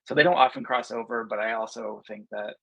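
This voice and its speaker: A man speaks as a guest writer in a casual podcast interview. His voice is gravelly and a bit husky. He reasons aloud in halting phrases full of fillers. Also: fairly low pitch, steady tone, a bit bright, highs cut off. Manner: thoughtful, halting, many fillers. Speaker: guest comic book writer.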